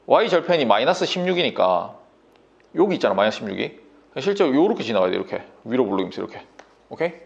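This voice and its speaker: Male math tutor, gravelly and lively, bossy casual checks, sore throat. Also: mid-range voice, quick pace, highs cut off. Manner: bossy, coaxing banmal, constant checks like "인정?" and "됐니?". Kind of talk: whiteboard math lesson.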